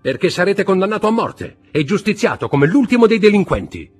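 A man's voice: sits high, sing-song, a little fast, husky, soft background music, voice pushed up, exaggerated voice. A man reading aloud, voicing a proud, fierce young woman with a cold, commanding manner.

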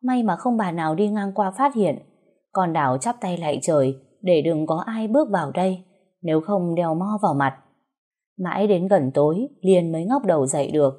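A woman narrating a scripted audio story in an even storytelling manner. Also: fairly low pitch, moderate pace. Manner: steady storytelling that voices every character herself.

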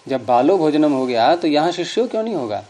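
Man, middle-aged, grammar teacher, patient explanations, warm dark tone. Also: a little high, sing-song, brisk. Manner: explains patiently, quizzes students. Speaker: Sanskrit teacher. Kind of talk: classroom grammar lesson.

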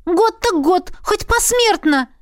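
A woman reading an audiobook, voicing a flustered young heroine who protests in a squeaky, shrill voice. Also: animated, slow, no echo, clean studio sound, full character voice. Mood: protesting.

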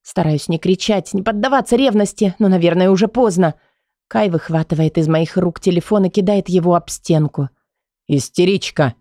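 A woman's voice: fairly low pitch, fairly quick, dark tone, no echo, clean studio sound. A woman narrating an audiobook in the first person, in a tense and emotional way.

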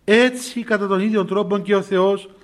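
A man's voice: high-pitched, fairly even intonation. A middle-aged man, a priest giving an informal sermon full of stories, chuckling often and restarting his phrases. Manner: storytelling, chuckling often, many fillers and restarts. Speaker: priest giving a spiritual talk.

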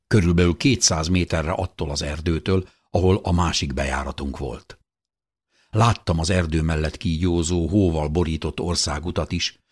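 A man reading a first-person audiobook narration in an expressive voice that rises with tension. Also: extremely low pitch, husky.

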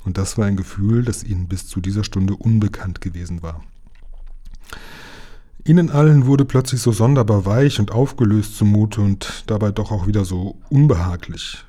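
Low, husky man reading a children's story. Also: normal speed, warm tone. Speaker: reader. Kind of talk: reading a children's book aloud.

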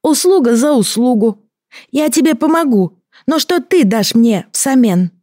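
Woman reader doing a squeaky gurgly little water-monster guy, talks all weird and broken, dry close sound. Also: animated, warm tone, dry recording. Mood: solemn, bargaining. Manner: odd, halting speech with mispronounced words. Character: small bony male water creature, bubbling, strange. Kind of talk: audiobook character voice.

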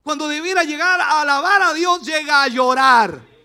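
A man's voice: extremely high pitch, normal speed, gravelly, bright, forceful tone. A man with a Chilean accent, a pastor preaching a rousing sermon at a church service, full of rhetorical questions and playful asides. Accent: Chilean Spanish.

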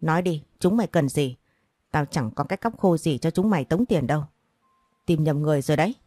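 A woman reads a furious young father in an audio story, a man who snarls and hurls coarse threats. His voice sits low and dark, as the narrator puts him on. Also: lively intonation, brisk, dry recording.

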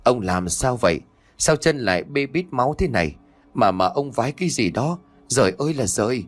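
A man's voice: mid-range voice, expressive, normal speed, voice pushed up, natural voice. A man voicing a scheming old village woman, bossy and sweet-talking. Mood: alarmed.

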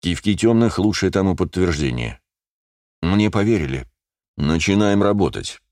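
A man narrating a first-person fantasy audiobook in a measured, steady manner. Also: low voice, no room sound, studio quality.

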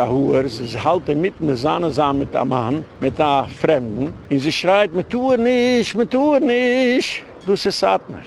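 Gravelly-voiced rabbi lecturing heatedly. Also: male voice, on the high side, a little mellow, slight background noise. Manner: rambling and emphatic, sprinkles in English words.

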